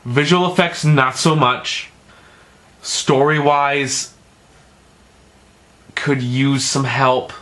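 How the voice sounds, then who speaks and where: Bright-voiced man rambling through a film review. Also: medium pitch, fairly even intonation, very slow, pauses often. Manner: rambling, stumbling over names and words. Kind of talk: casual, profane spoken film review.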